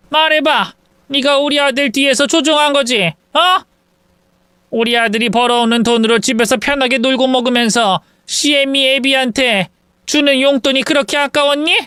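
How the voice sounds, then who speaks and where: A bitter older mother-in-law, as a man puts her on, hurling accusations in a high, piercing tone. Her voice is smooth and crisp, set close and dry with no room sound. She rants on without letting up. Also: sharp tone, no room sound. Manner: shrill, accusing tirade.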